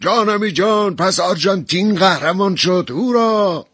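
A man voicing an excitable young male soldier obsessed with football, talking in loud, excited bursts. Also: medium pitch, slightly rough, no room sound, studio quality, pitched above the performer's own voice. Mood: overjoyed.

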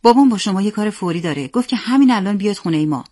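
A woman voicing a nervous, excited young boy who talks in a hushed, eager way. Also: mid-range voice, no echo, clean studio sound, close to an everyday voice.

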